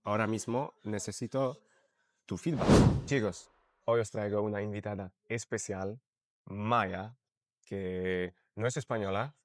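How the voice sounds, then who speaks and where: A man's voice: lowish voice, fairly even intonation, a little slow, dry recording. Hesitant Polish man hosting in Spanish. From Poland. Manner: hesitant, searching for words. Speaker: host. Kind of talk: casual conversation.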